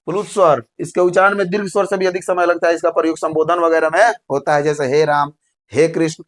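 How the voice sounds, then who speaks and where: A man's voice: sits high, little pitch movement, fast, a bit bright. Man, school exam tutor, lighter voice, repeats each point. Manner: repeats points, checks with "samjhe?". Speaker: teacher. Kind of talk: board exam lesson.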